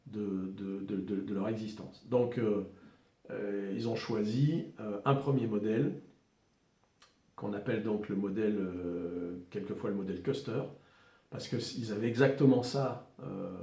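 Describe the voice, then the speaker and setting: A man with a French accent presenting a collector's revolver in a casual, halting way, with many fillers and restarts. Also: mid-range voice, dark tone, reverberant.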